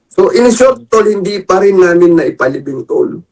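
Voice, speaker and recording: A man casually telling a long story about his work as a jail investigator, animated and punctuating nearly every phrase with a friendly tag word. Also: high voice, moderate pace, distant mic. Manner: animated, peppers speech with "tol, no?". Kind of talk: casual storytelling in a talk show.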